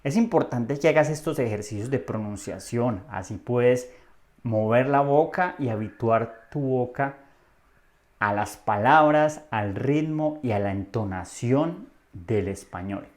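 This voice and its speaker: Slow-talking Colombian man teaching Spanish. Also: a little mellow. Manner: slow, over-articulated model phrases, lifting pitch and volume on example greetings. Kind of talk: language lesson with repeat-after-me drills.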